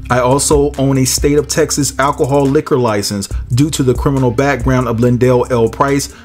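With a mid-range, darkish voice made nasal by a head cold, a commentary channel host reads a court filing aloud and then offers viewers his casual opinion. He keeps things relaxed, calling his audience "y'all" and "guys."

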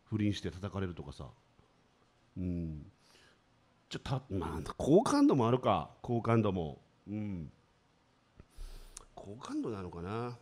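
A man in his forties rambles through a comedy radio monologue, sardonic and self-mocking. His pitch leaps and dips all over as he grumbles and jokes. He talks into a studio microphone. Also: big pitch swings, slow, pauses often, a little mellow. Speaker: radio show host.

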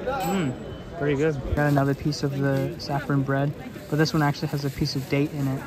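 A man's voice: on the high side, steady tone, fairly quick. A young man narrating a casual travel vlog in a loose, chatty way, with lots of fillers and self-corrections. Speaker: travel vlogger. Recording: busy crowd noise around him.

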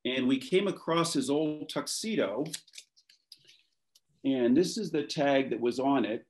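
An American man in his fifties, a maritime professional born in France to American parents and raised between Europe, Washington and West Africa, reminisces casually as a guest in a video conversation. He speaks from a wood-beamed room at home over a video call. His mid-range, darkish voice is animated and measured in pace.

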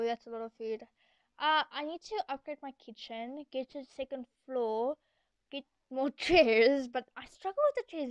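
Here a young girl records a casual, chatty gaming voiceover from an echoey room at home, hosting the video with a sore throat. Her voice is high, the sound has no echo, and the top frequencies are cut off.

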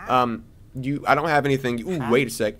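A young man giving casual commentary as he plays a game, chatty and excitable, talking to the characters on screen. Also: fairly quick, a little hiss or hum. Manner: excitable, jumps to high squeals. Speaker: let's play gamer.

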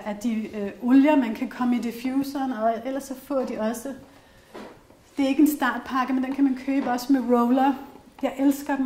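A woman's voice: on the high side, darkish tone. Chatty Danish woman presenter, roomy hall. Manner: chatty and candid, frequent fillers, personal anecdotes. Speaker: workshop presenter on essential oils. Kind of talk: casual spoken workshop talk to a live group. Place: workshop room with an audience. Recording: roomy echoey workshop room.

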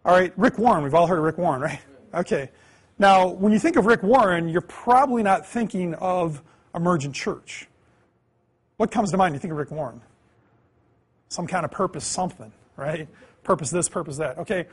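Man in his 30s, classroom lecturer; high, husky voice, earnest, quizzes the room. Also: moderate pace. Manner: earnest, asks the class questions, swings between loud emphasis and quiet asides. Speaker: Bible class teacher. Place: classroom, indoors.

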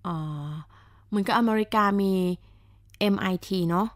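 A woman hosting a radio talk show, explaining in a chatty, animated way with many fillers and asides. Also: mid-range voice, measured pace, dry recording, clean studio sound. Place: radio studio.

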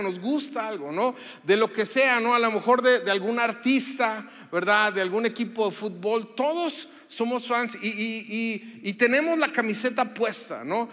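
A pastor preaches in a bright, high voice, telling stories and tossing asides to the crowd. His words ring with a long reverb through the church auditorium. He sounds like a man in his thirties. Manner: chatty storytelling, many fillers and asides to the audience. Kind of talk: sermon.

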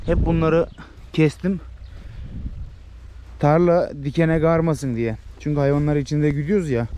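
Man, chatty vlogger, outdoors, shouts to his dog, faint outdoor noise. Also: a little high. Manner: chatty, addresses viewers as friends; calls out loudly to his dog and sheep. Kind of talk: casual vlog narration while herding. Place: outdoors in rural fields.

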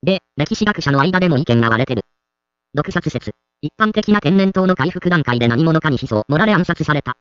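A man reads short online comments aloud at a brisk clip, moving straight from one post to the next. His voice is a little high for a man and comes across smooth and crisp. The track is dry and slightly dull, like a lo-fi voice-over. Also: expressive, no echo.

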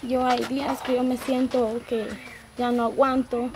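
A woman's voice: sits high, level tone, measured pace, background noise. A young woman, talking earnestly and tearfully outdoors, thanking God and describing her hardship. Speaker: recipient of donation. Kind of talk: emotional outdoor testimony. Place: rural dirt yard outdoors.

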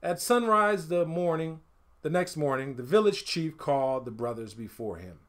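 In a small home studio room, a middle-aged man with a fairly high voice reads a picture book aloud. He's an expressive storyteller, phrasing deliberately and emphatically, letting each phrase fall away at the end.

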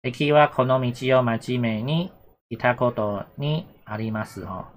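A Japanese teacher with a medium-pitched voice leads a casual exam-prep lesson at a moderate pace. He's chatty and repeats his points, often asking "懂哈？有没有？" to check that students are following.

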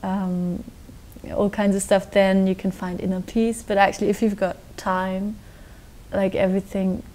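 A young woman from Austria answering interview questions in a relaxed, rambling way, full of likes and restarts, recorded in a dark studio. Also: medium pitch, a little slow, rough recording. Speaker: guest musician. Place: dark television studio set.

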